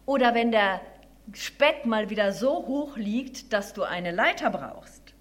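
A tiny, nimble storybook mouse with a high, squeaky voice, full of eager delight, as a woman reading aloud puts her on. She pipes well above the storyteller's own pitch. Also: animated, takes it slowly. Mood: explaining. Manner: squeaky and bright, enthusiastic. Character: small, cheerful, quick female mouse.

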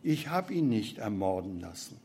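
A tearful, helpless old God speaks low and quietly, each word sorrowful and plaintive. A man puts him on during a sermon reading. The voice sinks and stays soft. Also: very animated, moderate pace, breathy edge, heavily acted. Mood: weepy.

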